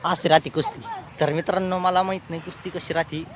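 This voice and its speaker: A man's voice: fairly high pitch, fairly even intonation, quick pace, heavy background noise. A man, giving chatty, teasing vlog commentary outdoors. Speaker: vlogger.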